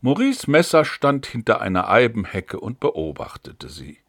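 A man's voice: mid-range voice, big pitch swings, a little slow, vocal fry, no echo, studio quality. Man narrating an audiobook expressively. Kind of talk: scripted narration.

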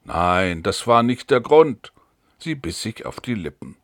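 Earnest, trusting young woman in a storybook reading, lively intonation, voiced by a man. Dry close sound. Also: lowish voice, unhurried, dry recording. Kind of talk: audiobook dialogue reading.

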